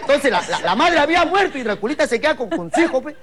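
A man telling jokes casually, animated and laughing into his punchlines, on a noisy recording. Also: extremely high pitch, fast talker, a crowd in the background. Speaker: joke teller.

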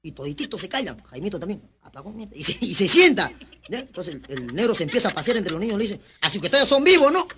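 A male comedian with a Peruvian accent telling jokes live, animated and slangy. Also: high-pitched, fast. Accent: Peruvian Spanish. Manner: animated, slangy, laughing storyteller. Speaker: stand-up comedian.

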